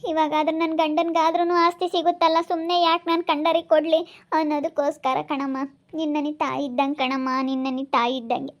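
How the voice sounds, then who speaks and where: A woman's voice: high voice, level tone, brisk. A woman playing a desperate young wife pleading to be trusted. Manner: pleading, repeats herself. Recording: dull lo-fi sound.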